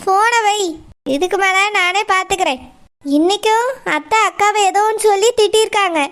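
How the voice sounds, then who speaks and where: A woman's voice: very high voice, normal speed, a bit bright. A woman voicing an outspoken young woman in a village cartoon, urging her elder sister in a blunt, insistent, scolding way. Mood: worried.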